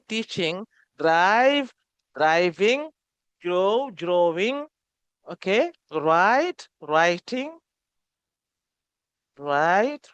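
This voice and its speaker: Slow, careful woman teaching English. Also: mid-range voice, clean tone, no room sound. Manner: slow, repeats each word, says okay often. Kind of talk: classroom grammar lesson.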